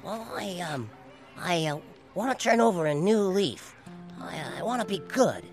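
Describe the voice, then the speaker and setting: A man's voice: sits high, sing-song, normal speed, soft background music. An actor playing an awkward boy bully who wants to turn good, stammering and full of fillers in a radio drama. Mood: sheepish. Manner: hesitant, stammering with many fillers.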